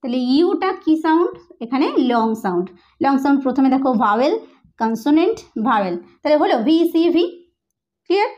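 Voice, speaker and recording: High-voiced woman teaching pronunciation. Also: very animated, brisk, a little mellow, dull audio. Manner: explains step by step, often checks understanding. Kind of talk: teaching a lesson.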